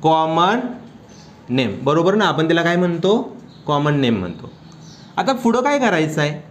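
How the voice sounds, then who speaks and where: A man's voice: on the high side, big pitch swings, slight background noise. A male chemistry teacher giving a classroom lecture, constantly firing questions at his students and urging them to answer aloud. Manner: keeps quizzing students with quick questions.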